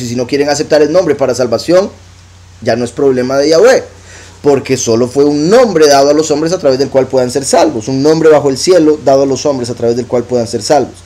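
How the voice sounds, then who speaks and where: A man preaching in Latin American Spanish, reading verses slowly and explaining them conversationally. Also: a little high, darkish tone, poor audio. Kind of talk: scripture teaching.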